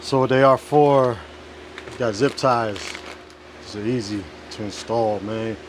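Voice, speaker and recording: Male DIY vlogger, offhand and muttery, salty language, medium pitch, some background vehicle noise. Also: a little slow, rough recording. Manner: offhand, muttering to himself, swearing. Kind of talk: casual hands-on work vlog. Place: inside a food truck. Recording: clear vehicle and fan noise.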